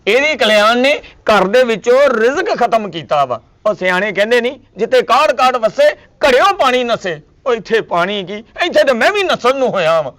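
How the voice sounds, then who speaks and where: Man playing a high-voiced, exasperated husband. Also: animated, moderate pace, hardly any pauses, fairly bright tone. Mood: lecturing. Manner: exasperated, lecturing with jokes and sayings. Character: husband defending himself against a suspicious wife, with comic wordplay. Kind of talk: comedy sketch acting.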